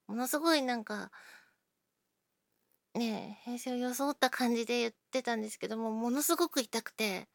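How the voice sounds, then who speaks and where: A woman chatting casually to her listeners, self-deprecating, often dropping into breathy near-whispers while she talks through an injured shoulder. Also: on the high side, dry recording. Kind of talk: casual personal talk to listeners.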